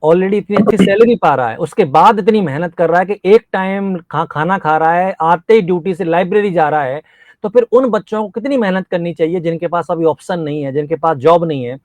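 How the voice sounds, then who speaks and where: A man's voice: sits high, brisk, a little mellow, dry recording. Encouraging male coach, dry close sound. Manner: earnest, encouraging, speaks like a teacher. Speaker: nursing exam coach interviewing a topper. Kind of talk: motivational interview.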